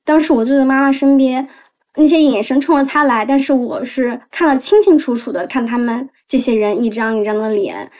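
A young woman telling a painful personal story, halting and emotional with many restarts. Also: high voice, darkish tone.

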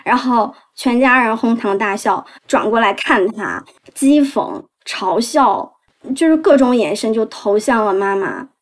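A young woman telling a painful personal story, halting and emotional with many restarts. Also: on the high side, lively intonation.

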